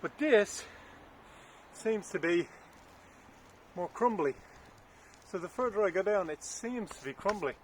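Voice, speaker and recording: This time the gardening vlogger's voice sits high and expressive, moving unhurriedly with frequent pauses as he digs and talks breathlessly into a stand-mounted camera. Chatty and uncertain, he muses aloud amid faint wind and passing traffic.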